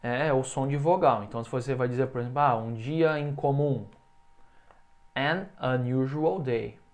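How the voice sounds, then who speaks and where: A man teaching English in in an online lesson, explaining a rule and then saying example words slowly for the learner to repeat. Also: mid-range voice. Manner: checks in often with quick casual asides. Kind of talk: recorded online language lesson.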